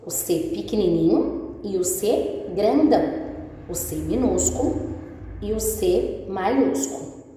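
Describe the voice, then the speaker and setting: A woman with a Brazilian accent teaching preschoolers in a recorded lesson, slow and patient, asking the children's questions and answering them herself. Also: mid-range voice, animated, mellow. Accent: Brazilian Portuguese. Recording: echoey room with long reverb, faint noise.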